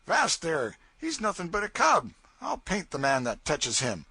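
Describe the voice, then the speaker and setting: A man reads aloud as a stern but fair older raftsman leader, gruffly questioning a stowaway in a commanding, no-nonsense manner before turning lenient. His exaggerated voice is bright and slightly husky with lively pitch, a little slow, and the recording is close, dry, and echo-free.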